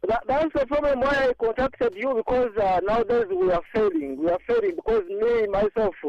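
A high, creaky man on a clipped, poor phone line, sounding muffled and lo-fi with faint music behind. He talks hesitantly, with many pauses and restarts, and his lively voice rises and falls as he calls in to a radio interview. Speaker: charity founder calling in.

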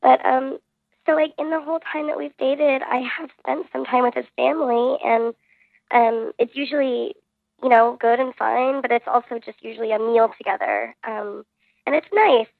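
A woman in her thirties calls in to a radio show with her voice run through a voice changer, talking in a hesitant, halting way. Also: on the high side, fairly even intonation, creaky, no echo. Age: 30s. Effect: voice changer disguising her voice. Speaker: caller. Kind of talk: radio call-in. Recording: tinny phone line.

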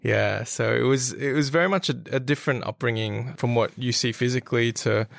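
Hesitant australian-raised guy, gravelly, chatty podcast guest. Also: medium pitch, fairly quick, dry recording, studio quality. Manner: hesitant, with fillers and restarts. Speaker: guest, custom suit business owner. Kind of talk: casual interview chat.

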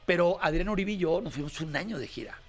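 A man's voice: high-pitched, expressive, fast talker. A middle-aged man with a Mexican accent hosting a casual chat and telling stories, acting out the quoted dialogue. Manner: storytelling, acts out quoted dialogue. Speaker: host.

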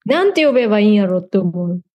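A woman with a Kansai accent chatting on a radio show, laid-back with short replies and soft laughs. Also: medium pitch, very animated, quick pace, no room sound. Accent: Kansai Japanese. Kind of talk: casual studio chat. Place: radio studio.

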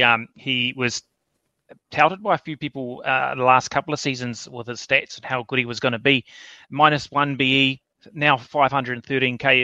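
Flat bright man saying mate. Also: mid-range voice, dry recording, dull audio. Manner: matter-of-fact, says mate often. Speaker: podcast co-host. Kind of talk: casual sports podcast chat.

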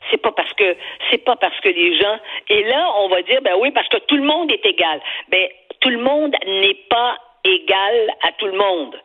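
A woman's voice: medium pitch, lively intonation, moderate pace, few pauses, husky. An older woman with a Québécois accent calling in to a radio talk show, emphatic and opinionated, often repeating words as she searches for them. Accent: Québécois French. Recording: tinny phone line.

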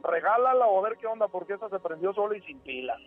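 Heard over a tinny phone line with faint background music, a male radio caller with a high, sing-song voice tells a ghost story on a call-in program. His telling rambles and halts, restarting again and again.

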